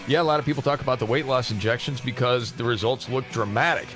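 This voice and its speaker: A man's voice: mid-range voice, fast, music in the background. A man hosting a radio talk show, chatting casually and telling stories with animation. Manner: animated storyteller. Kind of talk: casual studio banter.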